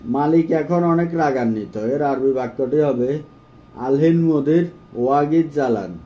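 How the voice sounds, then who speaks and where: A man giving a phrase-by-phrase language lesson, saying each phrase and then repeating it slowly and carefully. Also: fairly high pitch, dark tone, lo-fi sound. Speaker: language teacher.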